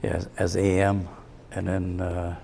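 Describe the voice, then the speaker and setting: Deep, gravelly man. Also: completely flat delivery, a little slow, dark tone, a little hiss or hum. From Alberta, Canada. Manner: plainspoken, trailing off with "so". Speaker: guest, former radio broadcaster. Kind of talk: interview answers.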